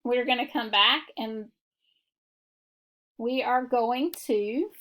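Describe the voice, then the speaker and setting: A woman teaching a phonics lesson, walking through syllable marking step by step in a deliberate classroom manner. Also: on the high side, fairly bright tone. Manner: slow, deliberate classroom instruction. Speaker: reading teacher.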